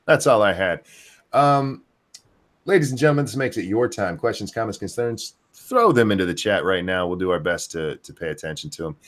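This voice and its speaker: A man's voice: fairly low pitch, expressive, fairly quick. A man hosting a live stream in casual chat, reading out viewer comments with blunt, sardonic swearing.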